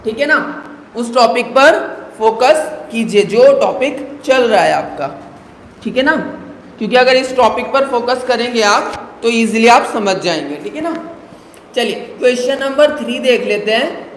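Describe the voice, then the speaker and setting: A man's voice: very high voice, expressive, normal speed, slight background noise. Man teaching math in a very echoey room. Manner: coaxing, calls students "beta", asks rhetorical questions. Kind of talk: live online math lesson. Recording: very echoey room, faint ambience.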